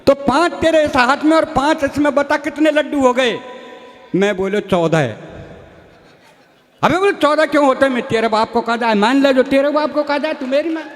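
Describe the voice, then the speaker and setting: A high-voiced man tells folksy comic stories on a live stage, slipping into the voices of the people in them. His voice rings out with a long hall reverb. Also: steady tone, a little fast, few pauses. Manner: folksy, plays many characters in dialogue. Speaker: stage comedy poet. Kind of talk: comic storytelling at a live poetry show.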